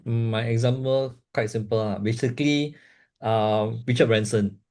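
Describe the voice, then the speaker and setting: A man in a class discussion, sharing his example hesitantly with short pauses. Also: mid-range voice, fairly even intonation, darkish tone. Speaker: student.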